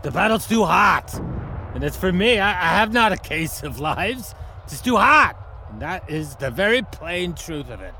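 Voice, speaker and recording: A man's voice: high-pitched, big pitch swings, unhurried, pushed and bright, slight background noise, exaggerated voice. A man playing a fearful soldier who wants to avoid the fighting, in Shakespearean stage style.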